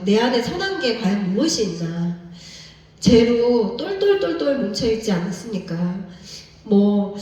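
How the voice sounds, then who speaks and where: A woman preaches a sermon to her congregation, putting question after question to them in an earnest, pleading way. She stands well back from the microphone, and the church around her is very echoey. Her voice sits at a middle pitch. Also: a little mellow, far from the mic. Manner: asks the congregation many questions. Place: church sanctuary.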